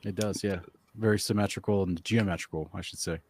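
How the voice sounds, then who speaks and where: A man's voice: on the low side, fairly even intonation, brisk, a little mellow, no echo. A man on a discussion panel, joking and playful. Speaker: panel guest.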